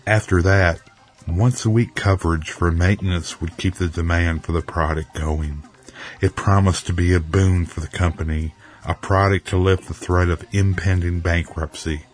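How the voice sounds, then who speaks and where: A man narrating a dramatic story in a measured, even way, with faint music underneath. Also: sits low.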